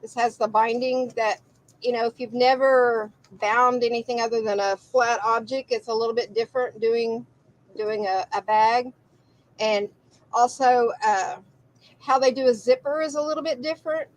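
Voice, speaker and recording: A woman's voice: fairly high pitch, fairly even intonation, normal speed, poor audio. A woman hosting a live quilt shop broadcast, chatting casually and rambling with restarts. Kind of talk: casual live-stream chat.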